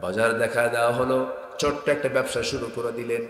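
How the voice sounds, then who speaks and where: Impassioned preacher in an echoing hall. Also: male voice, mid-range voice, flat delivery, brisk. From Bangladesh. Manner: impassioned, swings from soft to loud bursts, quotes in a chanting tone. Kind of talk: Bengali waz sermon with storytelling. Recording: echoey hall with long reverb.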